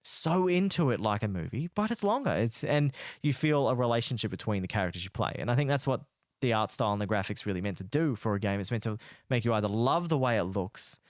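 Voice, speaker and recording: A man co-hosting a casual gaming podcast, enthusiastic and quick to laugh. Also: on the low side, expressive, dry recording, studio quality. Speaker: podcast co-host.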